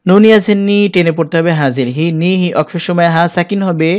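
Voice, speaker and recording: Male Quran teacher, high-pitched, methodical spelling drills with slow chanted recitation. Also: steady tone. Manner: slow, drawn-out chanting when reciting whole words; patient, methodical instructions in between. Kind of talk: spelling out Arabic letters and vowels for learners.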